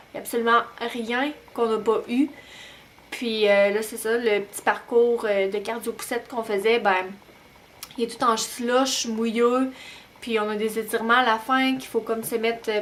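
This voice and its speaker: A young woman with a Québécois French accent talking casually to camera at home as a new-mom vlogger, relaxed and full of hesitant pauses. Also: on the high side, slight background noise. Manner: chatty, many "euh" pauses, relaxed. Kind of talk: casual vlog talk to camera. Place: home, bedroom at night.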